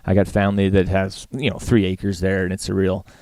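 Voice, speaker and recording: A middle-aged man with a Western Canadian accent talks in a low, smooth voice with little melodic movement. He is folksy and plain-spoken, chatting casually as an interview guest. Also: little pitch movement, brisk, darkish tone, no echo. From Alberta, Canada. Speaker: guest, livestock auctioneer and former calf roper.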